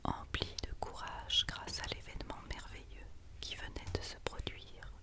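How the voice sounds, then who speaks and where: A woman reads a Christmas story as ASMR in a breathy, unvoiced whisper, hushed and quiet as if at night. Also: unhurried. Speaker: ASMR reader.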